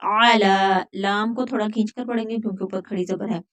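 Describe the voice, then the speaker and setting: A woman teaching a Quran recitation lesson, patiently explaining pronunciation rules step by step and repeating words slowly. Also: medium pitch, steady tone. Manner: recites verses in a drawn-out chant.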